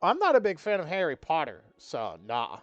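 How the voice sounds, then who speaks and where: Young male streamer, rambling and foul-mouthed, a touch high-pitched, close dry mic. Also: huge pitch swings, moderate pace, dry recording, muffled recording, faint music behind. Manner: laid-back, profane, rambling. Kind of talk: casual live-stream chat while gaming.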